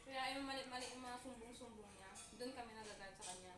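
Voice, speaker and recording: A woman chatting casually, telling a story in an animated way and acting out the quoted dialogue. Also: on the high side, fast talker. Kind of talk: casual gossip chat. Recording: echoey room, distant mic, noisy.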